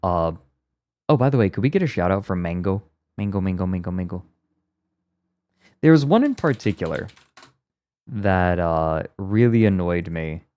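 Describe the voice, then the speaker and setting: This low-voiced man chats casually on stream while reacting to a video, explaining things with wry asides and rambling along. His intonation is lively, his pace moderate with long pauses, and his tone a little mellow. He records close to the mic inside a blanket fort for sound deadening, so he sounds muffled, though the recording itself is dry.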